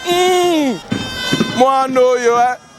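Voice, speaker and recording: A man with a hoarse voice, giving live, excitable commentary at an outdoor wrestling gala and often repeating his lines. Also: very high voice, very slow. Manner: excitable, shouting, repeating phrases. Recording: outdoor event with loud crowd and music.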